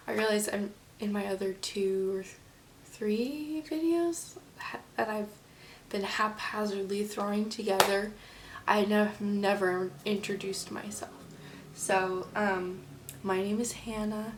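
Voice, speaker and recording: A young woman with a cold, speaking softly and haltingly as she chats through her monthly knitting recap, her voice congested and sometimes slipping into a whisper. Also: medium pitch, fairly even intonation, slight background noise. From Oregon, USA. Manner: soft and halting, slipping into whispers between coughs. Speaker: knitting vlogger. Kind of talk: casual chat.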